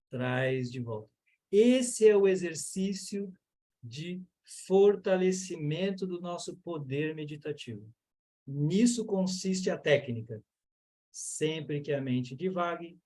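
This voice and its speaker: Man, high voice, earnest teacher, online lecture, video call mic. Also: lively intonation, slow pace, mellow. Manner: earnest, explanatory, with many fillers. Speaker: yoga and mantra teacher.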